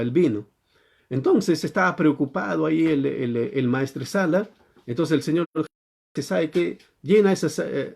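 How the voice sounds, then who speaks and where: A man's voice: fairly high pitch, vocal fry, darkish tone. A male pastor with a Chilean accent preaching a church sermon, teaching and often asking his listeners questions. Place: church service during quarantine.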